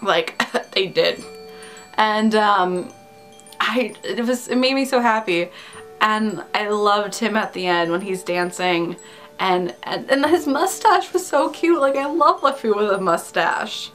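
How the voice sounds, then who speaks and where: A woman's voice: mid-range voice, takes it slowly, fairly bright tone, faint music behind. A woman chatting casually and eagerly through a film review, gushing and giggling as she gives her opinions. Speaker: YouTuber reviewing films.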